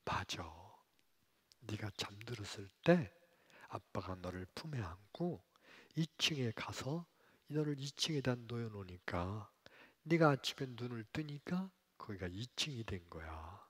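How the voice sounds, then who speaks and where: Man as a soft-spoken comforting father. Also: lowish voice, sing-song, measured pace, breathy edge, heavily acted. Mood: tender. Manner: soft, tender, reassuring. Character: gentle father comforting his dying daughter.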